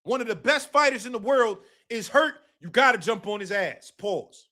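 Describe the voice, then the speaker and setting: A man hosts a live boxing stream in a high-pitched, animated voice at normal speed. Casual and forceful, he goes over his points more than once, curses, and bursts into shouting.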